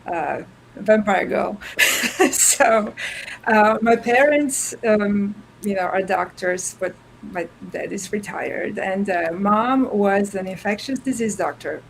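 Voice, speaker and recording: A middle-aged woman from Romania, a guest in a casual interview who laughs often and sounds warm and appreciative. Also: mid-range voice, slow, creaky, slight background noise, rough recording.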